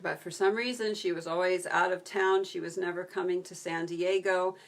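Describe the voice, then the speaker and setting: A woman's voice: lowish voice, fairly even intonation, moderate pace, creaky. Chatty woman telling a story live. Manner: chatty, answers viewer comments mid-story. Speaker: video creator on a live stream. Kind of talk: casual storytelling on a live stream.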